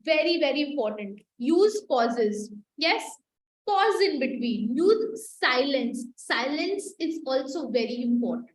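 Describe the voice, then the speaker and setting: A woman's voice: high-pitched, very animated, slow pace. A young woman teaching a live online class on communication skills, emphatic and repetitive as she coaxes her students to answer in the chat. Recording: echoey room with faint noise.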